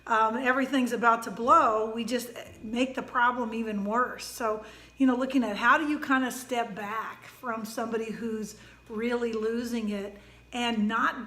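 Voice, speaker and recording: Gentle higher-voiced woman teaching parents. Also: reverberant. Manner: calm, gentle, reassuring, with many fillers. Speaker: parenting educator. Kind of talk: educational talk.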